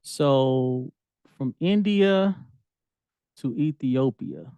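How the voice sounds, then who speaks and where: A man's voice: mid-range voice, animated, extremely slow, vocal fry, mellow, clear, resonant tone, no room sound. A man, teaching a Bible lesson in a casual, conversational way with slang, reading verses aloud. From United States. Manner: conversational, street slang, reads scripture aloud.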